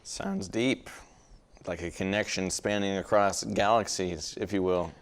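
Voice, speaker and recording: A man speaks as a horror show host with a fairly low, clean and resonant voice. His delivery is casual and dry, with some hesitation as he banters with a guest. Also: steady tone, unhurried.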